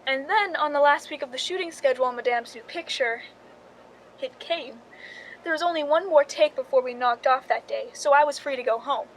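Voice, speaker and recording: Her high-pitched voice moves a little fast as an actress portrays a cool, wry young woman, a scheming film stand-in who narrates her story confessionally in a radio drama, understated and confiding. There's a little hiss or hum, and the audio is poor.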